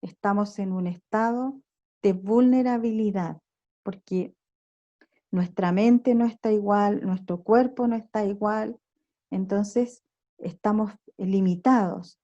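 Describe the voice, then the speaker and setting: A woman leading an online prayer workshop, teaching in a slow, reflective way, with "eh" pauses and questions tossed to the group. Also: medium pitch, mellow, highs cut off. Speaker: workshop leader. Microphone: online video call recording.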